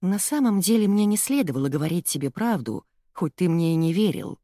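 A woman voicing a wise, gentle old grandmother. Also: lowish voice, lively intonation, fairly quick, no echo, studio quality, close to an everyday voice. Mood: sad.

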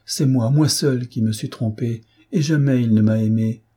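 A heartbroken young woman, distraught and pleading, her anguished words tumbling out in a mellow, husky tone, as a man reads her lines. An audiobook heroine undone by grief. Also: medium pitch, normal speed, natural voice. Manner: anguished, impassioned outbursts.

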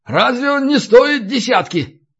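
Guy playing a smug mocking scavenger, pitched up, lively, kinda lo-fi. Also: a little slow, slightly rough, exaggerated voice. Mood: cocky. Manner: swaggering, teasing.

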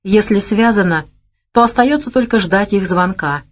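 A calm, steady young man, as a woman narrator reads him, firm and reassuring. He speaks evenly without raising his voice. Audiobook reading. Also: mid-range voice, normal speed, close to an everyday voice. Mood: puzzled.

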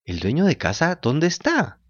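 A man's voice: huge pitch swings, normal speed, muffled recording. A man voicing an eager wooden puppet boy who pleads and gets tearful, in a storybook reading. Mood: pleading. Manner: high, bright and pleading.

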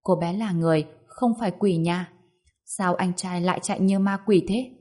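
A woman voicing an earnest, polite little girl in an audio story, asking gentle questions. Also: fairly low pitch, moderate pace, natural voice.

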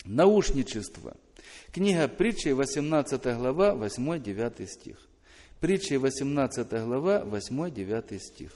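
A man preaching a sermon to his congregation, swinging between loud emphatic appeals and low, quiet scripture reading. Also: sing-song, normal speed. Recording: long hall reverb.

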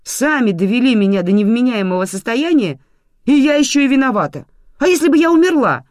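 A woman voicing an angry, bedridden adult daughter in an audiobook, shrill and indignant. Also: very animated, moderate pace, a little mellow, no room sound, clean studio sound. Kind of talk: audiobook reading.

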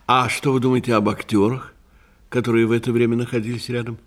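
In a radio play, a male actor voices a genial, shrewd police inspector who is chatty and avuncular, musing aloud with hums and repeated words. His natural voice sits at medium pitch with little pitch movement, and he talks fast. The mood is musing and inquisitive.

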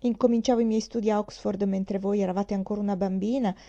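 A woman reading the part of a witty young gentleman who teases playfully and ironically. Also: mid-range voice, steady tone, fast, dull audio, lightly acted. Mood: teasing.

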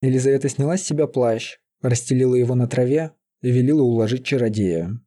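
A man narrating a fantasy audiobook in a steady, even reading voice. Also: mid-range voice, a little fast.

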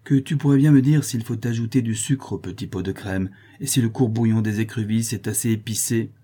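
A man's voice: on the low side, a little fast, mellow, husky. A man voicing a fussy, worried elderly aunt in an audiobook, with anxious, exclaiming calls. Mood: fretful.

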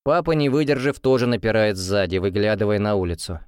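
A man's voice: fairly low pitch, fairly even intonation, brisk, clear, resonant tone, dry recording, studio quality. A young man reading a first-person story as audiobook narration.

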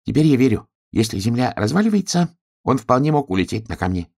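A man voicing a small, brave and excitable male hedgehog who talks high and eager. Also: quick pace, creaky. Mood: earnest.

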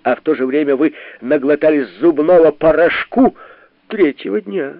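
A man voicing a young doctor who snaps out sharp accusations, in a storybook reading. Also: fairly high pitch, lively intonation, moderate pace, dry recording, voice pushed up. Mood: accusing. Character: young doctor, the professor's eager assistant. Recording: narrow tinny radio-like sound.

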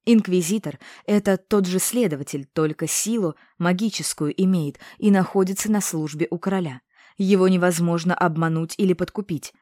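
Fierce, bossy witch, woman reader voicing her sharp and commanding, in a dry, warm-toned read. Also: lowish voice, moderate pace, no echo, lightly acted. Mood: insistent.

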